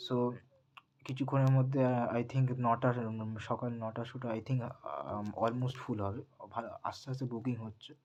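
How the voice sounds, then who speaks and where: A young man, chatting casually at home and keeping his voice low on purpose, with many fillers. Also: lo-fi sound. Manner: speaks softly on purpose, many fillers, mixes English into Bengali. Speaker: film box office vlogger. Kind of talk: casual chat.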